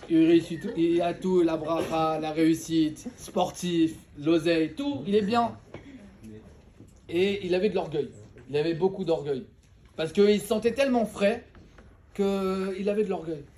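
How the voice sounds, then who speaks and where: A man teaching a casual Torah lesson, telling a parable in an animated, slangy way and joking with his listeners. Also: a little high, unhurried, a little hiss or hum.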